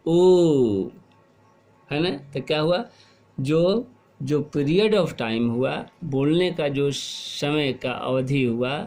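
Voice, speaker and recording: Slow, patient male teacher. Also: a little high. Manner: slow and explanatory, asks questions and repeats answers. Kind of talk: classroom lesson.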